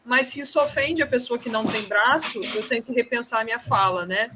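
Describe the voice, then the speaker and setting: A woman's voice: on the high side, brisk, noisy background. A Brazilian woman taking part in a discussion, sharing thoughtful comments and often checking in with tag questions. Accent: Brazilian Portuguese. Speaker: participant in the discussion. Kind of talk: casual reflective comment.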